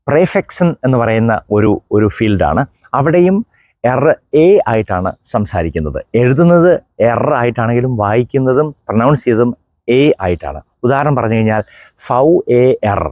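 A man's voice: medium pitch, a little mellow, dry recording, studio quality. Man from Kerala, patient language lesson. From Kerala, India. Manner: spells out contrasting sounds, repeats examples slowly. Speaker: priest teaching German pronunciation.

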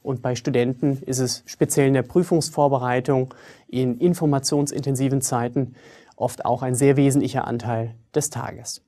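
A man in his thirties who grew up in Germany, a trainer giving a scripted video lecture in a lively, wry, self-ironic manner, recorded in a studio on a clip-on mic. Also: mid-range voice, normal speed. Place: studio with a virtual library backdrop.

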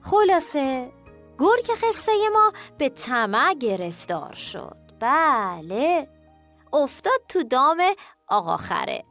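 A woman narrating a children's cartoon story in a lively, expressive way, speaking straight to the children. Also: high-pitched, faint music behind.

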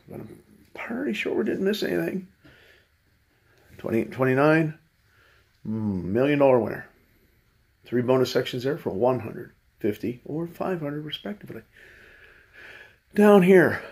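A man's voice: medium pitch, creaky, husky. A man hosting his own lottery video, talking to himself in a wry, sarcastic running commentary as he scratches tickets. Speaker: channel host.

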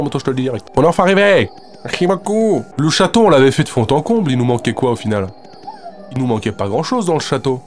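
A man hosting a French let's play, joking, swearing and reading the game's lines aloud as he goes. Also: fairly high pitch. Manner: profane, sarcastic, swings between mutters and outbursts. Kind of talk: casual gameplay commentary with voiced dialogue.

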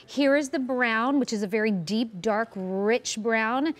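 A woman's voice: a little high, a little slow. A middle-aged American woman presenting products as a home shopping host, with practised sales patter in a TV studio.

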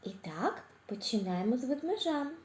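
A woman speech therapist with a Ukrainian accent giving a slow, clear lesson for small children, cheerful and encouraging, pronouncing each sound with care. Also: a little high, big pitch swings, echoey room. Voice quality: articulates sounds with care, drawn-out vowels. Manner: drops to a whisper to show quiet sounds. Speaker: speech therapist teaching preschoolers.

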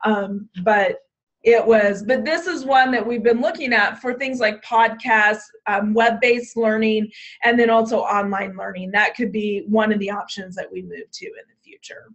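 A woman's voice: medium pitch, steady tone, moderate pace, fairly bright tone. A woman giving an online orientation to youth program staff. She talks conversationally with frequent ums and restarts, and her voice is getting tired. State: losing her voice. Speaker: state 4-H program leader.

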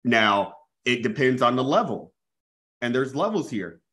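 Over an earphone mic on a video call, a thirtysomething coach leads a live real estate webinar from a small room. His mid-range voice is unhurried yet energetic, and he keeps addressing the audience as "guys" and restarting phrases.

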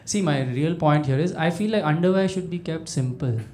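A man's voice: fairly high pitch, brisk, slight background noise. A young man performing a stand-up comedy set on a small club stage, talking into a handheld mic and acting out the people he quotes in a conversational way. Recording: live club recording with loud audience laughter. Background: audience laughter.

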